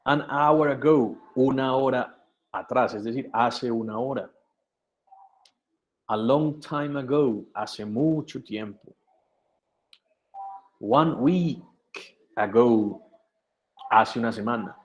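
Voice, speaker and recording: A man's voice: medium pitch, slow, long pauses, highs cut off. A man teaching English to Spanish speakers in an online class, explaining patiently and switching between English and Spanish. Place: video conference.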